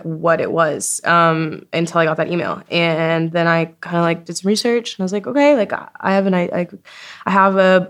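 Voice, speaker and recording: Being interviewed about her work, a podcast creator in her 20s chats and tells stories in a very casual way. She has a lowish voice, leans on "like" a lot, and acts out her own quotes with energy. The setting is a recording studio at a festival.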